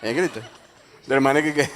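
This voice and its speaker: A man's voice: fairly high pitch, normal speed, fairly bright tone. A man, a pastor preaching a sermon in church, joking with and teasing his congregation. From Venezuela.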